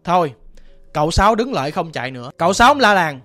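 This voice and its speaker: A ghost story narrator with a Southern Vietnamese accent speaks at a mid pitch in a lively, colloquial way. The telling is dramatic and conversational. Soft music sits faintly underneath. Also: fast talker. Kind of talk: oral storytelling.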